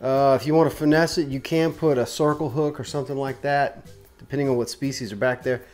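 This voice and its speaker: A man in his forties with a mid-pitched voice walks through a fishing rig in a relaxed, chatty way, explaining each step as he ties it. He speaks close to the camera in a small indoor workshop, with faint music underneath. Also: brisk. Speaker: fishing guide and host. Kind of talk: casual how-to demonstration.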